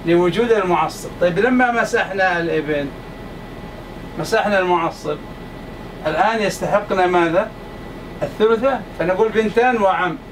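A man's voice: sits high, normal speed, long pauses. A man teaching a class, stressing and repeating each point to his students. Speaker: lecturer. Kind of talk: classroom lecture. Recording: distant mic, faint air-conditioner hum.

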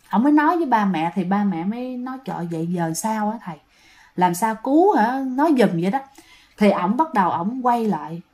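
A young woman with a Southern Vietnamese accent telling a ghost story in a chatty, casual way, with many fillers and repeated words for suspense. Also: a little high. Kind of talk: casual spoken storytelling to listeners.

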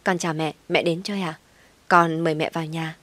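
A woman voicing a polite, tearful young wife in an audio story, pleading softly. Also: deep voice, steady tone, brisk, no echo. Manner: polite, pleading, choked with tears.

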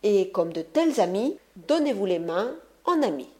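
A woman's voice: medium pitch, big pitch swings, a little slow, darkish tone. A woman reading a commanding gang boss. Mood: soothing. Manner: authoritative. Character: commanding older male gang boss, peacemaking. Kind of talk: audiobook reading.

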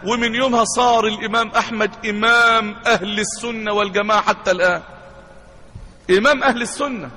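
An Egyptian preacher with a very high, husky voice, telling a story to his congregation. He throws out questions and answers them himself, and a long hall reverb trails each line. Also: steady tone, quick pace, bright, forceful tone. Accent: Egyptian Arabic. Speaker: imam and preacher. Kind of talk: sermon storytelling.

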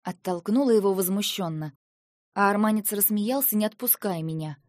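A woman narrates a first-person audiobook in a steady, expressive way. Her voice sits at a middle pitch. The recording is dry and close, with no room sound. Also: normal speed, dry recording.

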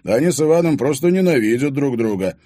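A man's voice: mid-range voice, lively intonation, quick pace, warm tone, voice pushed up, natural voice. A man voicing a wry older man in an audiobook who corrects others.

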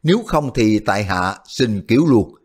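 Man playing a shrewd warrior hero, wry, feigns forgetfulness, husky, lively pitch. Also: moderate pace. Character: bold, shrewd heroic male warrior, calm and amused.

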